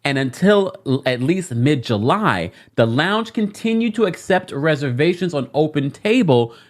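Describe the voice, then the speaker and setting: A woman's voice: low-pitched, big pitch swings, a little slow. A woman from London reading a news article aloud on a podcast, breaking off with indignant asides. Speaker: podcast co-host.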